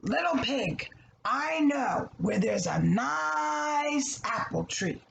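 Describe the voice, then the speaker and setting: A woman's voice: sits high, lively intonation, gravelly, echoey room, a little hiss or hum, voice pushed up, heavily acted. A woman voicing a hungry, sly male wolf in a children's story, with theatrical, blustering and coaxing delivery. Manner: drawn-out, theatrical huffing threats and coaxing calls.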